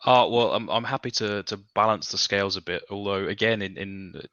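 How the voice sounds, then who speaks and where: A British man in his thirties chatting casually as a podcast guest, animated and self-deprecating. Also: fairly low pitch, brisk, dry recording, dull audio. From Coventry, England. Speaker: podcast guest, academic researcher. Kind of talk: casual, chatty interview answers. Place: home room, video call.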